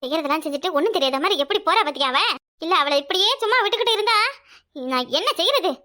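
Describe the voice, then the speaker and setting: A woman with a southern Tamil village dialect voicing a jealous, sharp-tongued older wife who scolds sarcastically in a cartoon. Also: extremely high pitch, expressive, very fast, heavily acted. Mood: scolding. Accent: southern Tamil Nadu village dialect. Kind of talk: cartoon voice acting.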